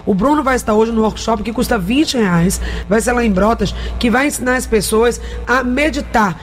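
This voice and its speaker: A woman's voice: a little high, normal speed. A woman, hosting a live radio phone-in and talking to listeners. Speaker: radio host taking listener calls. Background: music.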